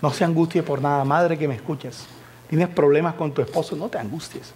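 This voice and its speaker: Man preaching in church, kinda high voice, gets loud then drops to almost a whisper. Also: steady tone, a little fast, a little hiss or hum. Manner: fervent, swings from loud exclamations to soft near-whispers. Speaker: evangelist preacher. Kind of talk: sermon.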